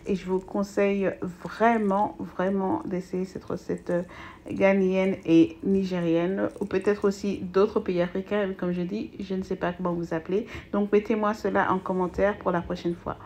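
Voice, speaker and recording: Speaking at normal speed with a flat delivery, this cooking channel host from Belgium guides viewers through a recipe, chatty and halting, with plenty of fillers. Her medium-pitched voice is darkish, and a slight hiss or hum sits in the background of the casual voice-over.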